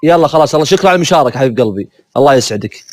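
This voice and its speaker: A man chatting live with his stream viewers in a rapid, teasing, playful way. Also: medium pitch, lively intonation, no room sound.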